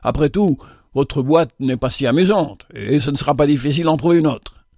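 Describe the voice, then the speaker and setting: A man's voice: fairly high pitch, a little fast, a little mellow, no echo, clean studio sound, close to an everyday voice. A man voicing an insolent young male office clerk talking back with cheeky defiance. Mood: defiant.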